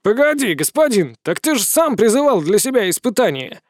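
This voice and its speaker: A man voicing an excitable male demon servant who talks eagerly and fawns on his master. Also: high-pitched, brisk, no room sound, studio quality, pitched above the performer's own voice. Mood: excited. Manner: eager, storytelling, fawning.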